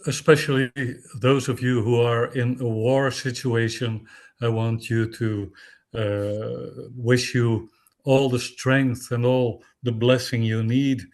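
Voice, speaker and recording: A man on a video call speaking earnestly and deliberately, offering good wishes. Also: medium pitch, a little mellow. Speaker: participant in an online discussion. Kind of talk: heartfelt farewell on a video call.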